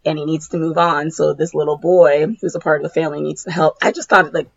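Hoarse, gravelly woman podcaster, muffled sound. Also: sits low, level tone, quick pace. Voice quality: raspy, husky. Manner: informal, heavy use of "like" and "you know". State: hoarse, voice nearly gone. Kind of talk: casual podcast chat.

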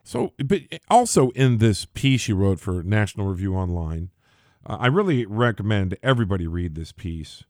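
Lively halting male podcast host. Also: fairly low pitch, no echo, clean studio sound. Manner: halting, with many fillers and restarts. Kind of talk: political interview.

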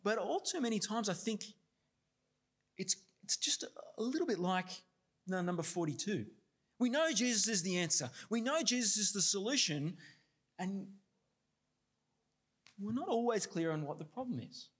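A man's voice: high voice, expressive, normal speed, pauses often, breathy edge. Man preaching with fillers and restarts. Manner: reads scripture steadily, then preaches with many fillers and restarts. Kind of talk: sermon with scripture reading.

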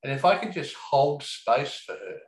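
A man's voice: mid-range voice, very animated, moderate pace. A man talking casually and reflectively, rambling with lots of fillers and the odd swear word. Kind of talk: casual conversation. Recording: echoey room.

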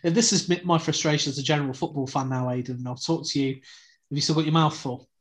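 A man's voice: on the high side, steady tone, quick pace. A man hosting a football podcast, asking guests leading questions in a chatty, teasing way. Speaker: podcast host.

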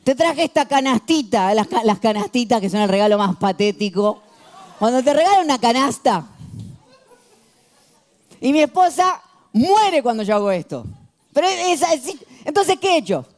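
Animated Argentine preacher man in his thirties. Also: very high voice, normal speed, long pauses. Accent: Argentine Spanish. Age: 30s. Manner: animated and humorous, acts out shouted quotes. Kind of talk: sermon.

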